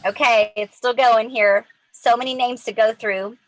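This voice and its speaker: A woman hosting a live giveaway in a hyped, excited announcing style, chatting directly to the viewers. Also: on the high side, unhurried, low-quality recording. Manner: excited, chatty, addresses viewers as you guys.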